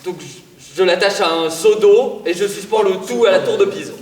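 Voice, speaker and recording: An actor playing a bumbling, reluctant pupil on stage, hesitant and full of protest. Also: male voice, high-pitched, normal speed, darkish tone, lightly acted. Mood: flustered. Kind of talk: theatrical stage acting. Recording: echoey theatre hall from far off.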